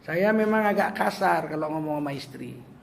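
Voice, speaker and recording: An older preacher from Medan, North Sumatra, Indonesia, gives a humorous religious talk in a Medan Indonesian accent, animated and joking as he acts out the voices he quotes. His voice is fairly high with vocal fry at a moderate pace, over slight background noise.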